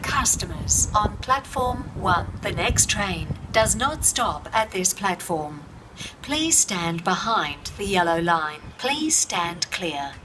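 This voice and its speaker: A woman's voice comes over a railway platform loudspeaker, heard from a distance through clear outdoor noise. She reads a formal announcement in slow, evenly measured phrases, her pitch moving up and down in a lively way. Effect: station public address loudspeaker announcement. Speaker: station announcer.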